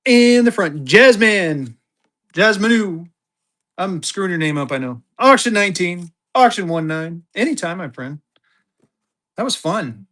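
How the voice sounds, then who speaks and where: Running a banknote auction live on a stream, a weary man drums up bids in rapid bursts and talks of himself in the third person. His voice sits high, animated, with a fairly bright tone.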